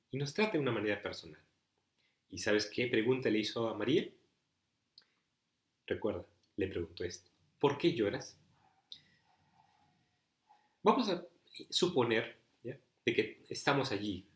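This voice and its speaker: Male preacher, sermon delivery, rhetorical questions, mid pitch, roomy echo. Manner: rhetorical questions, pleading and emphatic.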